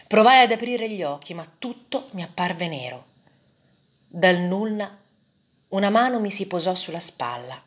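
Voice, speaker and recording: A woman reading a first-person story aloud in a measured, dramatic way. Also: medium pitch, lively intonation.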